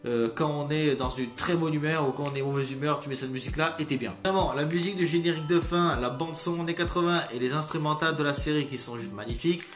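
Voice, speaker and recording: Excitable male reviewer who rambles and curses, recorded in a roomy space with soft music under him. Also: fairly high pitch, fast talker, hardly any pauses. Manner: rambling, excitable, swears freely. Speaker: video critic. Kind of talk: casual spoken review. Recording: roomy echo, faint music behind.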